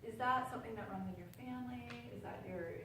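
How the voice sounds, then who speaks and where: A woman's voice: fairly high pitch, fast. A woman hosting a show, asking rambling interview questions full of fillers. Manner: warm, rambling, many fillers. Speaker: show host. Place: studio with audience. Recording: very echoey, distant mic, noisy.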